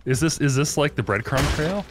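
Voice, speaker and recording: A man's voice: fairly high pitch, lively intonation, moderate pace, music in the background. A man playing a co-op survival game as a guest, giggly, puzzled and easily amused. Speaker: co-op guest player. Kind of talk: casual let's-play banter.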